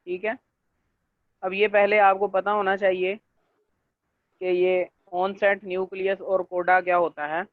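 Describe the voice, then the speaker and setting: A male lecturer gives an online class, explaining step by step, checking in with students and filling pauses with stock phrases. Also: high-pitched, little pitch movement, dry recording. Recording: dry, tinny phone-like line.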